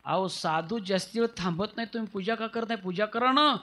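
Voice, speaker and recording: A man voicing a quick-witted woman servant who scolds her king with sure, loud talk. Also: sits high. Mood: scolding. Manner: scolding, self-assured.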